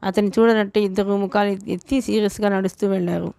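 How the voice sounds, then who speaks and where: Woman narrator, audiobook reading, smooth clear voice, flat even tune, self-corrections. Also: medium pitch, fairly quick, no echo. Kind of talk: novel read aloud.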